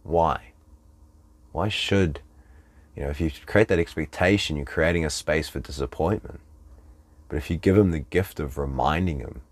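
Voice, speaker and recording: Deep-voiced man, animated and dry. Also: dry recording. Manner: animated, acts out quoted voices with big pitch jumps. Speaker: relationship coach. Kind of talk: webinar talk.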